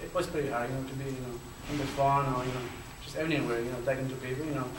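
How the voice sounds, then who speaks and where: A man from Chile with a Chilean Spanish accent speaks rapid-fire in a steady, mid-range voice while telling his personal story as a panelist. Stuttering and fillers run through his speech. The echoey lecture hall recording, made from far away, carries faint noise.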